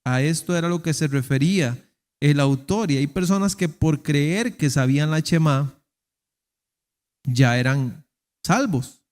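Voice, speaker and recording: A man preaching from the pulpit, his voice pitched a little high and his delivery emphatic, slipping into quoted voices to make a point. The church hall around him rings with a long reverb. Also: unhurried, long pauses, darkish tone. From Costa Rica. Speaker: pastor. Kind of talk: sermon. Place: church sanctuary.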